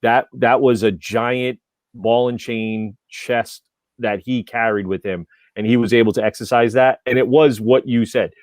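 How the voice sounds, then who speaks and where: A man rambles eagerly through a fan discussion, full of fillers, at an ordinary middle pitch. The recording is dry and close. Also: steady tone, a little slow, a little mellow, no echo. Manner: enthusiastic, rambling, heavy use of like and you know. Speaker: podcast panelist. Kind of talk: casual panel discussion.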